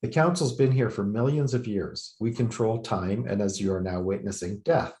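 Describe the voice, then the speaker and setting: A man voicing a calm, patient male talking dog who explains things steadily, heard in a roomy space. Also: lowish voice, moderate pace, natural voice. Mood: explaining. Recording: roomy reverberant venue.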